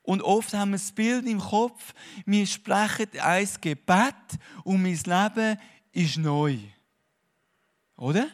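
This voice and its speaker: A man preaches in a fairly high voice. He swings from hushed, thoughtful stretches to loud, emphatic bursts. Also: slow pace. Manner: animated, swinging between quiet musing and loud emphasis. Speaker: conference speaker. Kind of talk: sermon-like talk.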